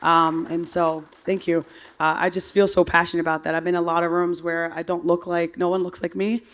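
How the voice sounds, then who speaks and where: Woman, flat intonation, earnest, personal testimony, panel speaker. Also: fairly low pitch, fairly quick. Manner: earnest, frequent "you know". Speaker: panelist, sports referee.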